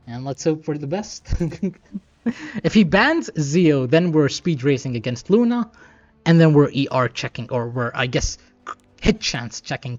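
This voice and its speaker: A man's voice: mid-range voice, a little mellow. A man doing casual game commentary, thinking aloud and muttering asides as he plays. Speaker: gaming streamer. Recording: dull lo-fi sound, music behind. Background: game music.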